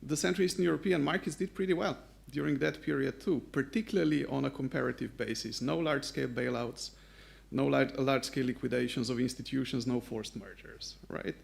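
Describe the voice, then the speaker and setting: A man with a strongly gravelly, fry-heavy voice speaks on a conference panel. He builds his case point by point with firm emphasis. His pitch sits in the middle range. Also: a little fast. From Slovenia. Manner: assertive, structured, emphatic.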